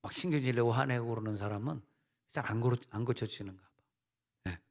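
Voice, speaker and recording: Here a senior pastor, male and middle-aged, preaches at a fairly quick clip in a medium-pitched voice. Emphatic rises alternate with offhand asides to the congregation. The church sanctuary's long reverb trails every phrase.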